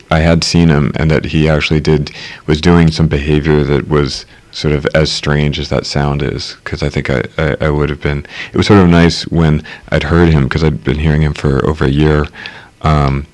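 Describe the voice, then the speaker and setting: A man's voice: very deep voice, little pitch movement, moderate pace, a little mellow. A man chatting casually as a radio guest, rambling with lots of fillers and restarts. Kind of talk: casual conversation.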